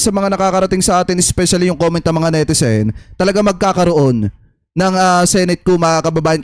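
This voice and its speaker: A man's voice: high-pitched, no echo, clean studio sound. A man with a Filipino accent giving political commentary straight to his viewers, chatty and repetitive, often calling out to them as fellow countrymen. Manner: addresses audience as "mga kababayan", chatty, repetitive.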